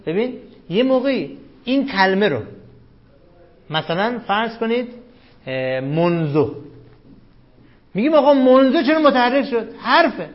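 A man's voice: extremely high pitch, animated. A man teaching a grammar class, who keeps questioning his students and repeats the rules with emphasis. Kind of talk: classroom lecture on Arabic grammar. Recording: dull lo-fi classroom recording.

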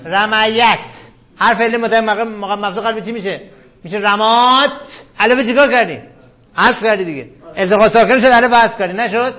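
High-pitched male teacher, quizzing students, emphatic, dull lo-fi classroom recording. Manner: questioning students, repeating rules, emphatic. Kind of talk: classroom lecture on Arabic grammar.

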